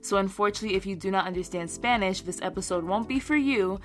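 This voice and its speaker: A woman's voice: medium pitch, a little fast, faint music behind. A woman with an American accent delivering a scripted podcast introduction as its host. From United States.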